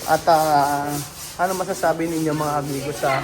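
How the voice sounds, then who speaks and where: A man's voice: a little high, steady tone, moderate pace, rough recording. A man from the Philippines vlogging casually in a house under renovation, chatting to his viewers with many fillers and restarts. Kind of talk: casual vlog commentary to viewers.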